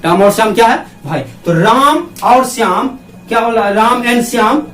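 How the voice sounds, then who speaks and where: A man's voice: very high voice, unhurried, fairly bright tone. A man teaching a grammar lesson at a board, asking his class questions and answering them himself. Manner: writes on a board with a marker. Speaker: English teacher. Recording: roomy, from some distance.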